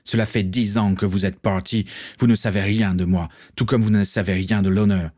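A man's voice: on the low side, steady tone, moderate pace, a little mellow, no room sound, studio quality, natural voice. A man reading aloud, voicing a proud young English nobleman who speaks earnestly and heatedly.

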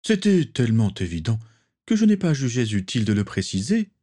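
A man's voice: mid-range voice, very animated, brisk, warm tone, voice pushed up. A man voicing a crude, proud young pureblood wizard who talks with scorn. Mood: smug. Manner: scornful, boastful.

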